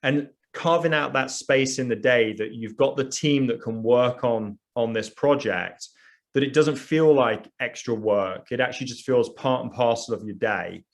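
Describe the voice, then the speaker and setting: A man with a British accent, a sociologist answering panel questions in a relaxed, conversational way with frequent fillers. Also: mid-range voice. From United Kingdom.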